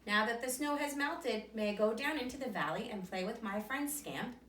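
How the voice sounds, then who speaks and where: A woman voicing a timid young male arctic hare in a storybook, with a high, nervous, eager voice. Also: normal speed, fairly bright tone, roomy sound, distant mic, slight background noise, natural voice.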